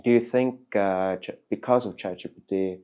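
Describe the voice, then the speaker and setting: A man's voice: lowish voice, steady tone, moderate pace, dark tone, clear, resonant tone, dull audio. A man hosting a podcast, asking long, rambling, searching questions in casual conversation. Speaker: podcast host. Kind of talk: casual interview.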